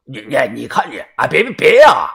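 Male narrator as a wheedling fat debtor, stammering and quick, husky tone, audiobook. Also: mid-range voice, wildly swooping pitch, a bit bright, exaggerated voice. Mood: pleading. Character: fawning stammering fat male shop owner in debt. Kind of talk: audiobook storytelling.

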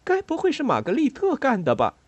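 A man reading a children's storybook voices a gentle new mother marmot, speaking softly and high. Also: huge pitch swings, brisk, dry recording, dull audio, full character voice. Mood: tender.

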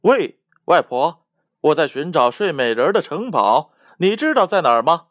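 A man's voice: on the high side, sing-song, moderate pace, no room sound. A pompous nobleman rattling off a question in a raised storybook voice, acted by a male narrator. The recording is close and dry. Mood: hurried.

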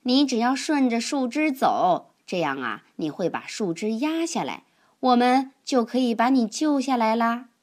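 A woman voicing a kind, playful female checkered elephant in a children's storybook, speaking calmly with a teasing edge. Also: a little high, a little slow, voice pushed up.

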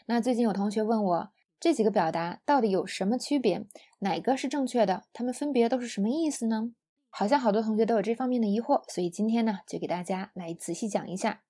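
A woman giving a scripted online English lesson. She explains clearly and slows down when she says the English example phrases. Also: a little high, mellow. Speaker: English teacher.

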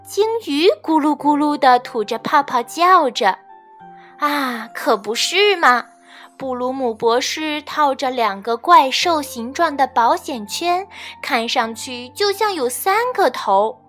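Expressive woman reading a kids' story. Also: sits high, takes it slowly. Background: faint children's music.

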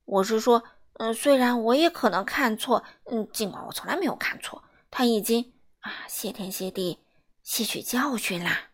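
A woman's voice: on the high side, moderate pace, lightly acted. A woman voicing a fussy male wizard who rambles and hesitates while lecturing. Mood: musing.

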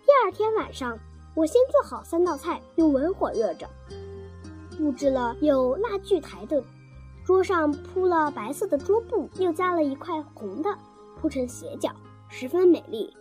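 A woman reading a first-person story aloud in an animated, playful way. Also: sits high, moderate pace. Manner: animated, playful voicing of scenes. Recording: dry close sound, faint music. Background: faint music.

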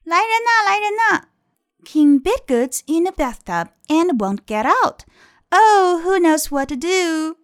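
A woman's voice: sits high, lively intonation, slow, voice pushed up. A woman voicing a frantic young male page from a picture book, calling out shrilly for help.

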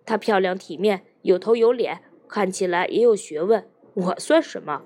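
A woman voicing a jealous, quick-tempered husband in an audiobook, speaking in a sharp, needling, sarcastic way. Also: high-pitched, lively intonation. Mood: bitter.

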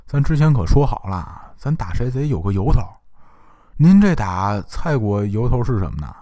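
A man voicing a shrewd minister who reasons patiently in a lowered, soothing voice. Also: big pitch swings, normal speed, warm tone, lightly acted. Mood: persuading. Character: shrewd calm older male minister advisor.

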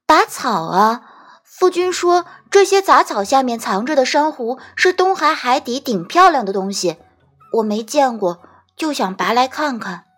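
A woman voicing a small clingy immortal boy in an audiobook, with a high childish whine. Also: animated, unhurried, a bit bright, full character voice. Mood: innocent.

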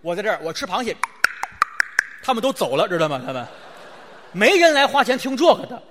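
A man performing crosstalk comedy as the wry straight man, teasing his partner and reciting couplets slowly. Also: high voice, sing-song, long reverb tail, heavy background noise.

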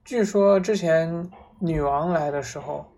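Woman with a low voice telling a story casually, lots of um and restarts. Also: measured pace. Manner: relaxed, with fillers and restarts.

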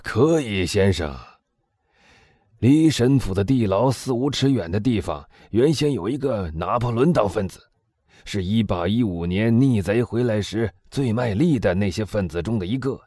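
A man voicing an excitable middle-aged prison inspector, talking loudly and eagerly in an audiobook. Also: fairly low pitch, moderate pace, dry recording, studio quality, pitched above the performer's own voice. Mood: talkative. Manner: loud, eager, exclaiming. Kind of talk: audiobook dialogue reading.

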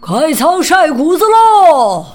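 An excitable young farmyard keeper from a children's storybook, played by a woman calls out with a voice that swoops up and down. The delivery is slow and a little breathy, over faint music. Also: a little high, heavily acted. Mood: cheerful.

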